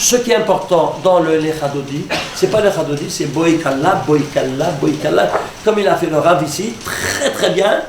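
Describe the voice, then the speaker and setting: A man, a rabbi, teaching a lively lesson and quizzing his audience. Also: on the high side, brisk, few pauses, background noise. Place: lecture hall with audience. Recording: echoey hall with audience.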